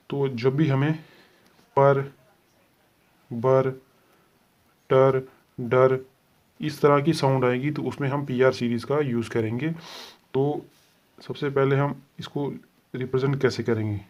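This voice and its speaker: A man's voice: medium pitch, steady tone, unhurried, a little mellow. A man teaching a shorthand lesson step by step, patiently sounding out letters and repeating set phrases. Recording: dull lo-fi sound.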